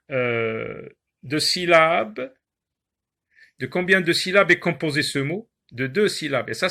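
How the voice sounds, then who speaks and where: A male teacher giving a lesson on syllables, repeating words slowly and pausing often with hesitations. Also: on the high side, pushed and bright. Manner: slow, drawn-out word repetitions with many "euh" pauses. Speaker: primary school teacher.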